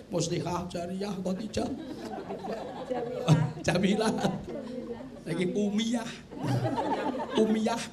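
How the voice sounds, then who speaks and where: In a TV studio before an audience, a man with a Javanese accent preaches a humorous sermon as a kyai, chatting with and teasing the crowd. His high voice is steady and slow with frequent pauses, and audience noise rises behind him.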